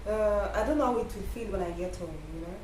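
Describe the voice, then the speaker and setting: A woman's voice: medium pitch, fast, warm tone. A woman from Kenya with a Kenyan accent, chatting casually and reflectively about herself, often adding "you know". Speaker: vlog guest. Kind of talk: casual personal chat. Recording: echoey room, distant mic, faint noise.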